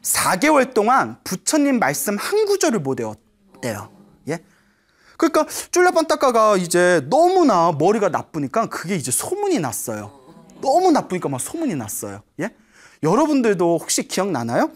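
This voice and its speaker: Animated woman preaching a story sermon. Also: mid-range voice, moderate pace. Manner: animated, asks the audience often, laughs while telling. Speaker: Buddhist monastic preacher. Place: before a live audience.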